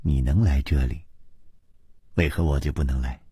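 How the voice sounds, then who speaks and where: A man's voice: a bass voice, fairly even intonation, moderate pace, mellow, breathy edge, no echo, clean studio sound, voice pushed down, heavily acted. A man putting on a teasing, mischievous young princess. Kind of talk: storytelling with voiced characters.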